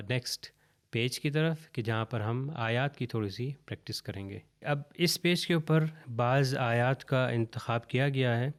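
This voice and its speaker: Man, Quran recitation teacher, smooth resonant tone at a mid pitch, patient and slow on every example word. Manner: patient, repeats each word slowly and deliberately. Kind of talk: step-by-step recitation lesson.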